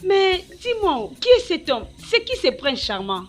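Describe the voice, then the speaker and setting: A nosy, meddling friend who pries and lectures. Her voice sits high and bounces around a lot. It is delivered as dubbed film acting. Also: very animated, unhurried, soft background music, full character voice. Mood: prying. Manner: prying, lecturing.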